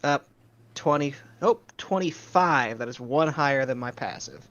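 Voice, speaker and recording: A man's voice: medium pitch, unhurried, a bit bright. A man talking casually as a tabletop game player, thinking aloud and planning his moves carefully. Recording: dull lo-fi mic with faint hiss.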